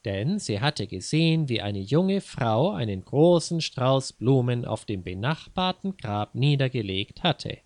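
A male narrator reads a story for language learners at a slow, deliberate pace. His voice sounds close and dry, with no room sound. He stops to explain everyday idioms. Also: mid-range voice, big pitch swings, darkish tone, dry recording.

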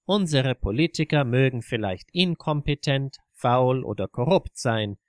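A man voicing a skeptical atheist man who answers with sharp retorts. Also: mid-range voice, expressive, a little slow, no room sound, clean studio sound, close to an everyday voice.

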